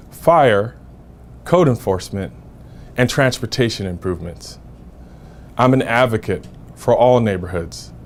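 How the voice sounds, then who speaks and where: A man, a city council member seeking re-election, giving a deliberate campaign statement in short phrases. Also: mid-range voice, darkish tone, a little hiss or hum.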